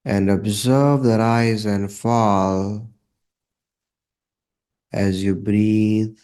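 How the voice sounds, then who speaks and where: A man with a smooth, fairly low voice leads a guided meditation in a calm, measured way, separating short phrases with long pauses.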